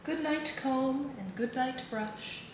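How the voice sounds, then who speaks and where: A woman reading children's picture books and poems aloud in an expressive, sing-song way. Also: high voice, slow pace. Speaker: children's book reader. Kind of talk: read-aloud storytelling for children. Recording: echoey room with clear background noise.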